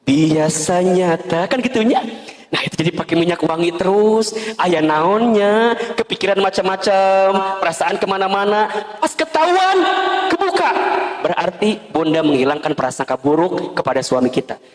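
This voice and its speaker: A man's voice: sits high, normal speed. A man with a Sundanese accent preaching a sermon, telling stories and acting out dialogues. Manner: animated storytelling, acting out dialogues. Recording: echoey hall with long reverb.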